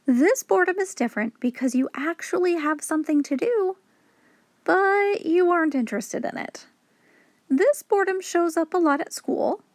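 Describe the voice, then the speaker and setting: This host is a children's story reader, a woman with a high voice sharing a picture book with little ones. She explains in a teaching storyteller's manner, her pitch bouncing up and down vividly, and the dry, close recording has little room in it.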